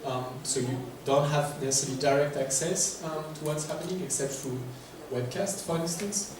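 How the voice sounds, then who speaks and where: A man with a French accent and a voice on the high side speaks English at normal speed with fairly even intonation, leading a workshop presentation. He's unsure, heavy on fillers, and asks his audience questions; the recording is distant, noisy and full of echo from a big conference room.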